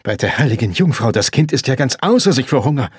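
A man's voice: medium pitch, big pitch swings, fast, breathy edge, dry recording, studio quality, voice pushed up. A man voicing an anxious medieval master craftsman in hiding, with an urgent, fretful manner.

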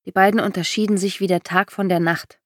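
A woman narrating a first-person novel in a steady, measured way. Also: medium pitch, no echo, studio quality. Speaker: audiobook narrator.

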